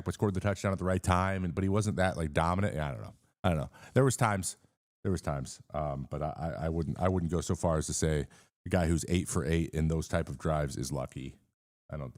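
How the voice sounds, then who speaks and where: A man in his thirties hosts a casual sports live stream, talking in a low, deep voice. He rambles, restarts his sentences and greets viewers by name. The sound is dry and close, with no room echo. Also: a little mellow.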